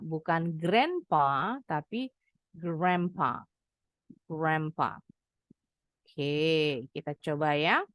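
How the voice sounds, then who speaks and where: Woman teaching English slowly. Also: lowish voice, dry recording, clean studio sound. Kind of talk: online English lesson for teens.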